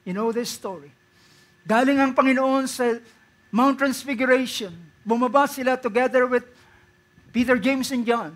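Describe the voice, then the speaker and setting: A man preaching a sermon, mixing Tagalog and English as he reads Bible verses, dropping to hushed pleading and rising to loud emphatic declarations. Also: extremely high pitch, moderate pace. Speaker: pastor.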